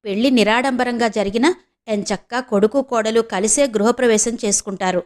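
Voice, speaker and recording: Brief: fond, chatty grandmother in an audio novel, voiced by the woman reading, slightly high, coaxing tone. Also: fairly even intonation, a little fast, darkish tone, close to an everyday voice. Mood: affectionate. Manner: affectionate, coaxing. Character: older grandmother, fond and talkative.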